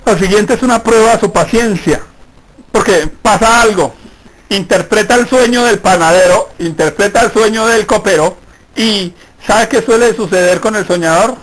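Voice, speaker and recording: A man's voice: high-pitched, poor audio. A middle-aged Colombian pastor preaching a sermon in a conversational way, acting out the voices he quotes. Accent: Colombian Spanish.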